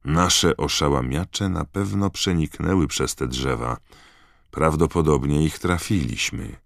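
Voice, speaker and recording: A man's voice: a bass voice, measured pace, vocal fry, dry recording, studio quality, exaggerated voice. A man voicing a bold, bearded middle-aged wizard in an audiobook, speaking with confidence. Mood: confident. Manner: confident, then shouting from afar. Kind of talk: audiobook character voice.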